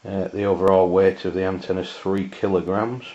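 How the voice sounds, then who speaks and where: In a laid-back, hands-on review, an amateur radio enthusiast from England describes a piece of kit. He speaks haltingly in a flat, very deep, matter-of-fact tone, and the recording sounds dull and low-fidelity.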